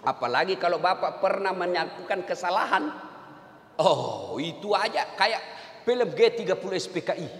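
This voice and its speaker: A man preaching a humorous sermon, animated and jokey, jumping from loud outbursts to low murmurs. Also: normal speed, a little hiss or hum. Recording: long hall reverb.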